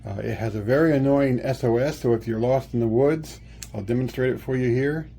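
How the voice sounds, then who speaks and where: In a casual demo, a man who reviews products explains an item plainly, one step at a time. His mid-range voice is gravelly and runs slightly fast. The recording carries light room ambience and faint noise.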